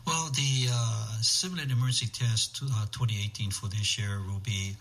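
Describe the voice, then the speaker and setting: A man's voice: fairly low pitch, steady tone, moderate pace, fairly bright tone, a little hiss or hum. A man being interviewed on the radio, explaining things methodically and listing points in short phrases. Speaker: interview guest, amateur radio emergency organizer.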